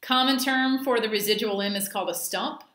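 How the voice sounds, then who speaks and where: Bright-voiced lady dive instructor, chatty, lots of um and you know, roomy echo. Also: fairly high pitch, fairly quick. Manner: chatty, with fillers and anecdotes. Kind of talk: casual training talk.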